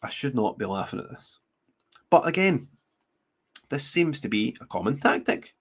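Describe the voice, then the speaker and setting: A man, hosting his show, reading news stories aloud and breaking off into mocking, sarcastic commentary with frequent laughs and halting restarts. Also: mid-range voice, big pitch swings, a bit bright, slightly rough. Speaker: show host.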